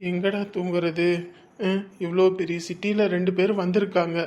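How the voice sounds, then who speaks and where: A woman's voice: on the low side, little pitch movement, moderate pace, darkish tone, highs cut off, close to an everyday voice. A woman voicing a worn-out young husband who is desperately searching for his missing wife, pleading and tearful. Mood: worried, exhausted. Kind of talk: audio drama acting.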